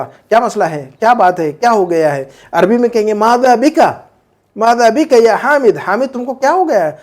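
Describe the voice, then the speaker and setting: A man teaching an Arabic grammar lesson, repeating word forms slowly and checking in with listeners as he explains. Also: high-pitched, a little mellow. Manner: frequent "hai na" checks with listeners.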